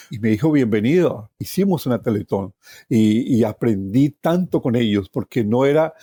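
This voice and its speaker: A middle-aged Colombian-accented man, a journalist appearing as a podcast guest, reflects on his life story in a mid-range voice, repeating words for emphasis and closing phrases with small tag questions. The studio-quality recording has no room sound, with soft plucked guitar playing behind him.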